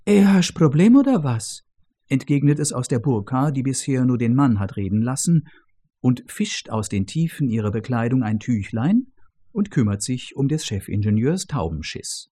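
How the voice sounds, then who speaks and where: A man reading a story aloud in an expressive, dramatic narrating style. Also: medium pitch, normal speed, husky.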